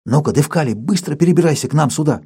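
A man voicing a calm man hiding in the dark, speaking low and urgently in a mellow, husky voice. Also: quick pace, heavily acted. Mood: hushed urgent.

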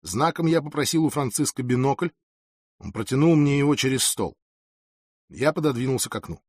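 Expressive male audiobook narrator. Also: medium pitch, brisk, no room sound, clean studio sound. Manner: expressive, dramatic reading. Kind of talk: first-person audiobook narration.

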